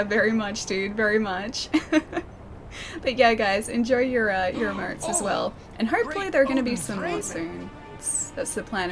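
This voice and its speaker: A young woman streams a game and chats casually with her live viewers, calling people dude and man and laughing often. Her voice is on the high side and a little croaky and scratchy from a sore throat.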